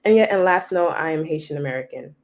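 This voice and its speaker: A woman who works as a wellness facilitator, introducing herself on a panel in a calm, steady way. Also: low voice, quick pace.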